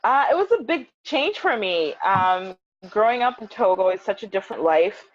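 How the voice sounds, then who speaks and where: A woman's voice: mid-range voice, animated, normal speed, dry recording. A young woman from the United States answering interview questions over a choppy, bad video-call connection, telling her story in a chatty way. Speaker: interview guest, English teacher. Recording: dull lo-fi call audio, dry.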